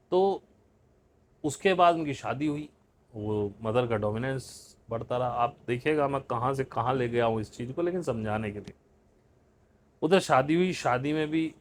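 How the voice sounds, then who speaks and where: A man's voice: mid-range voice, a little hiss or hum. A man hosting a meditation podcast, giving a conversational spiritual talk that mixes in English words and rises with emphasis on key points.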